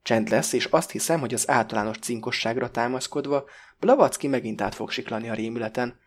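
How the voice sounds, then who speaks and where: A man narrating a literary audiobook in an even, measured way. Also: mid-range voice.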